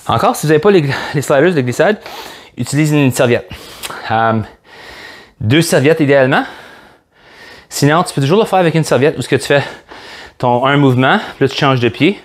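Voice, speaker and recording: A man with a Québécois French accent, leading a workout as a fitness coach, upbeat and joking as he counts reps aloud. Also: fairly high pitch. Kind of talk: guided workout instruction.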